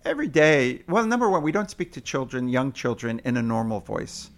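A man's voice: medium pitch, sing-song, a little fast. A man in an interview explaining parenting techniques, now and then acting out sing-song parent voices. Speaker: parenting expert guest.

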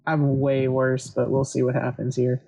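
A woman's voice: a bass voice, monotone, normal speed, gravelly, warm tone, husky. A woman playing a tabletop game, chatting casually at the table.

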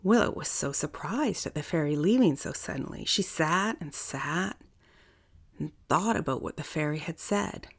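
A woman reading a children's story aloud in a calm, unhurried way. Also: low-pitched.

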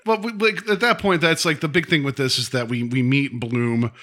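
A man with a bright, forceful voice, chatting loosely as a podcast co-host. He rambles, leans on "like" at every turn and keeps the talk loose and chatty. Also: mid-range voice, fairly even intonation, normal speed. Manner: rambling, full of "like" fillers, laughs often. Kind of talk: casual podcast chat.

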